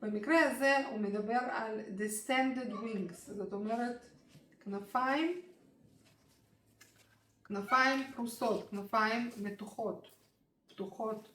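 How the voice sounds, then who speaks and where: A woman, a Hebrew speaker, teaching English vocabulary and reading a story aloud in a brisk, word-by-word way. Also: on the high side, fairly bright tone. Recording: roomy, distant mic, faint noise.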